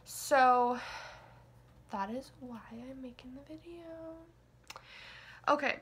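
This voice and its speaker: A breathy edge colors this high-sitting female voice, which moves slowly. The nineteen-year-old is casually vlogging in a confessional style, hesitant and rambling, leaning on fillers and little self-deprecating comments.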